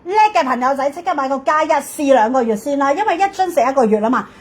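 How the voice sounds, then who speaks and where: A woman's voice: high voice, expressive, quick pace. A woman with a Hong Kong Cantonese accent hosting a live shopping stream as a hard-sell ad, emphatic and urging.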